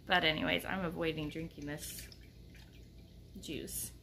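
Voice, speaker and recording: A woman's voice: low-pitched, fairly even intonation, a little slow, gravelly. Woman, thirties, home vlogger; loose chatty delivery, faint background hum. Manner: chatty, rambling, many fillers. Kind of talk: casual chat to camera. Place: kitchen at home, indoors.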